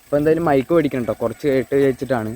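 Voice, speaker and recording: A young man speaks very rapidly in a Thrissur Malayalam accent at an average male pitch. He drops English words into his Malayalam as he talks casually to his viewers. It has the informal delivery of a day-in-the-life vlog, recorded without an external microphone. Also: dark tone. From Kerala, India. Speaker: vlogger. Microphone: handheld camera or phone without external mic.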